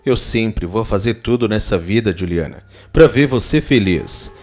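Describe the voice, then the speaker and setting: A man voicing a calm, firm estranged husband, speaking soft, low and steady. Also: moderate pace, faint music behind.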